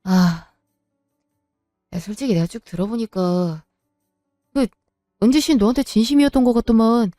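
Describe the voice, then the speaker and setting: A blunt male friend who lectures calmly and says hard truths, voiced by a woman. The voice is a little high and dry. Soft music plays behind. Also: moderate pace, pauses often, no echo, close to an everyday voice. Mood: frank. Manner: frank, calm, lecturing.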